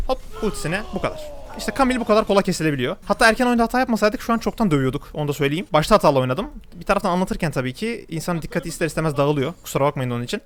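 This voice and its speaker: A young man casually commentating his own match as he plays, chatty and talking straight to his viewers. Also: on the high side. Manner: rapid, chatty, addresses viewers directly. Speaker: gameplay commentator. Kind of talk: live gameplay commentary.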